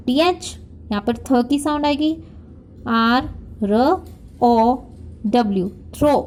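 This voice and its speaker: A kindergarten teacher with an Indian accent talks children through spelling, letter by letter. Her voice sits a touch high, and she moves very slowly. She mixes Hindi and English, sounding out each letter with care. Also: darkish tone, a little hiss or hum. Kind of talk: spelling dictation lesson.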